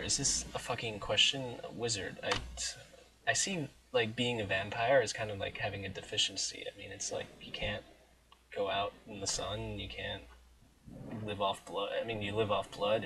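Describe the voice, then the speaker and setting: A man's voice: fairly low pitch, distant mic, noisy background. A young adult American man from New Jersey chatting casually, rambling and interrupting himself, with some offhand swearing. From New Jersey, United States. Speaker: blogger recording an accent challenge.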